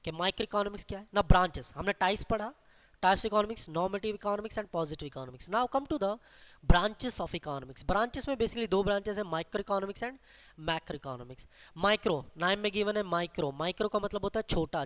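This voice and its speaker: An economics teacher giving an exam-prep lecture, asking the class questions and answering them, and slowing down to dictate definitions. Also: mid-range voice, fairly bright tone. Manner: mixes English terms into Hindi explanation; slows down to dictate key definitions.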